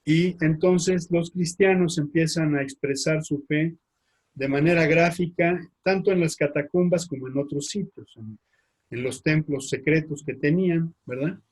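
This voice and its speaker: A man, a priest with a Mexican Spanish accent, giving a slide lecture, speaking haltingly with frequent fillers and tag questions. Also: on the high side, darkish tone. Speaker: priest teaching.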